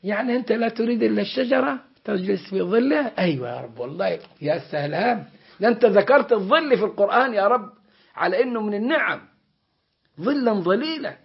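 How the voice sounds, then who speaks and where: A man preaching puts on a frantic, pleading soul, voice husky and gravelly, leaping into high sobbing cries. He speaks with an Egyptian accent on a dull, lo-fi recording. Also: lively intonation, fast, exaggerated voice. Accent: Egyptian Arabic. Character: desperate pleading man begging to enter paradise.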